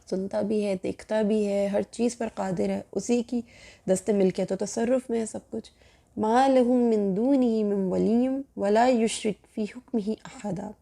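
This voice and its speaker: A woman teaches scripture in a long lecture, earnest and admonishing, often repeating a phrase to drive it home and dropping English words into her talk. Her voice is dark and mellow with a gravelly edge, and her pitch sits in the middle. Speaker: Quran teacher. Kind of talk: religious lecture.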